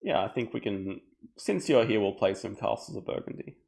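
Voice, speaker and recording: A man streaming a board game live, thinking aloud in a relaxed, chatty way. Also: on the low side, normal speed, creaky. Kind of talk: casual live game commentary.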